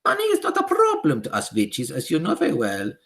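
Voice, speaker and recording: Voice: medium pitch, wildly swooping pitch, brisk, pitched above the performer's own voice. A reader voicing a tiny, furious female witch leader who screeches and speaks with odd foreign-sounding grammar, in an audiobook. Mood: gloating. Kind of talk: audiobook character voice.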